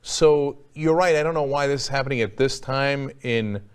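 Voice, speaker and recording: A man's voice: medium pitch, normal speed, clean tone. A man hosting a casual talk show, giving blunt opinions, swearing freely, with lots of fillers and restarts. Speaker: host.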